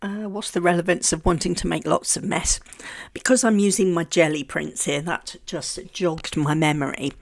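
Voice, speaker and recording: At her home craft table, a craft vlogger chats casually about her crafting, her voice congested from a heavy cold and her words sometimes stumbling. She speaks on the low side with fairly even intonation, a moderate pace, and vocal fry.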